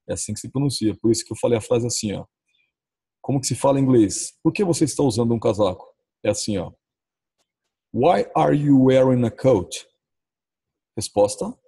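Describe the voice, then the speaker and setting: A man with a Brazilian Portuguese accent teaching English in a recorded lesson, saying the English example phrases slowly and drawn out. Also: medium pitch, warm tone, slightly rough. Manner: says English model phrases slowly and drawn out, often adds "ó".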